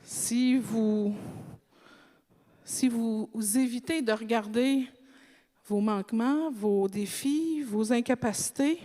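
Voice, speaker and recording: A woman's voice: a little high, takes it slowly, mellow, in a large hall. A woman with a Québécois French accent giving a sermon, telling a childhood story in a conversational way. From Quebec. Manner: conversational, tells a childhood story with quoted dialogue. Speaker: pastor. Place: church sanctuary.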